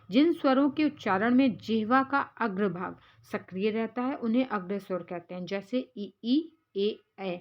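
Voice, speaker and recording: A woman's voice: medium pitch, muffled recording. A woman teaching as an exam prep tutor, going through quiz answers step by step and calling her viewers friends.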